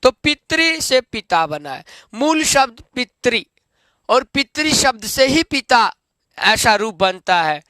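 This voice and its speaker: A man's voice: extremely high pitch, big pitch swings, sharp tone, no echo, studio quality. A man teaching Sanskrit grammar, reciting noun forms one by one and checking that students follow. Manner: slow, drilled recitation of forms with checks for understanding.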